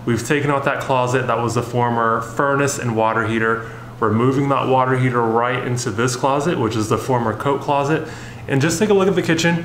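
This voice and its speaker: A man's voice: medium pitch, reverberant, a little hiss or hum, poor audio. A young man casually walking viewers through a house renovation, chatty and upbeat with frequent fillers, filmed on a handheld camera. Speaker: home renovation vlogger. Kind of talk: casual walkthrough vlog. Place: house under renovation and its yard, indoors and outdoors. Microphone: handheld camera held at arm's length.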